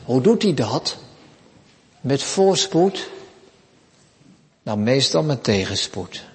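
A man preaching a sermon in a church, slow and emphatic, raising his voice for scripture quotations. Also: medium pitch, sing-song. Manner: slow, emphatic preaching with rising outbursts on quotes. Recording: reverberant church hall.

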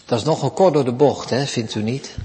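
A man preaching a sermon in a church, slow and emphatic, raising his voice for scripture quotations. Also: medium pitch, dark tone. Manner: slow, emphatic preaching with rising outbursts on quotes. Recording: reverberant church hall.

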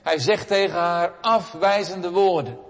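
A man preaching a sermon to his congregation, earnest, often dropping to a hushed delivery. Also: high voice, measured pace. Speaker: pastor. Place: church. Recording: long reverb of a large church.

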